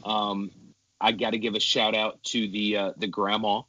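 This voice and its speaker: Bright-voiced low man rating a film. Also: little pitch movement, poor audio. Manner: halting, many fillers, swears. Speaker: podcast panelist. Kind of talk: casual film discussion.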